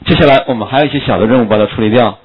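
Fast-talking, joking male English teacher. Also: mid-range voice, breathy edge, lo-fi sound. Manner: quick, joking, asks students questions often. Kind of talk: classroom lecture. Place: classroom.

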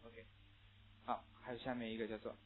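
A male English teacher gives a classroom lecture on linked sounds in listening tests, with "ah" fillers and slow repeat-after-me drills. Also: mid-range voice, little pitch movement, slight background noise. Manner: explains rules with frequent "ah" fillers, then models words slowly. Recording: tinny phone-like audio.

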